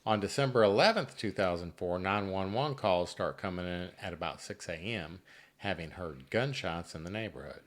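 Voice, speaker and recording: A man's voice: low-pitched, animated, normal speed. A man co-hosting a true-crime podcast, trading dry, teasing banter while recounting the case. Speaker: podcast co-host. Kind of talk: casual true-crime chat.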